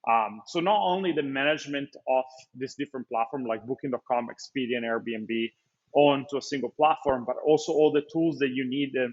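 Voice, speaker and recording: An Italian startup founder and CEO, appearing as a guest in a webinar interview, pitches his business at an ordinary pitch over slightly muffled video-call audio. He's brisk and fluent, with a breathy edge, but keeps restarting phrases and filling gaps with "uh" and "um."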